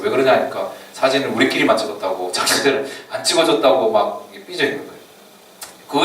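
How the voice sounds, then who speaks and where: A man giving an informal orientation lecture to church youth before a mission trip, chatty and quick to laugh. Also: mid-range voice, a bit bright. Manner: chatty, laughs often, leans on fillers while explaining. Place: church meeting room or hall. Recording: echoey hall from far off, faint room noise.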